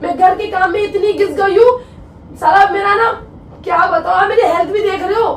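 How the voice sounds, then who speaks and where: A very high-pitched young woman fires off sharp complaints in a heated argument at home. Her voice is caught from a distance by a phone, bouncing around an echoey room with a faint hiss underneath. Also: steady tone. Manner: sharp, complaining, rapid-fire retorts. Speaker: vlogger.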